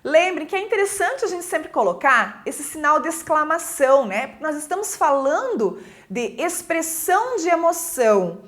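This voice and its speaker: A woman's voice: high voice, big pitch swings, moderate pace. A woman teacher giving a recorded grammar lesson. She explains step by step, keeps checking in with her listeners, and acts out example interjections with shifting intonation.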